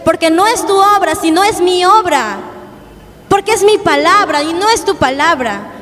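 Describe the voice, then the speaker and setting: A woman's voice: extremely high pitch, animated, normal speed, a crowd in the background. A young woman preaching a sermon at a youth service, earnest and repetitive, often asking the congregation questions. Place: church hall. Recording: long church hall reverb, faint background noise.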